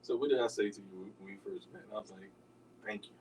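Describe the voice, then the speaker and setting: An older man hosting a radio talk show, telling stories in a raspy, easygoing way. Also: on the low side, fast, darkish tone, recorded from a distance, a little hiss or hum, low-quality recording.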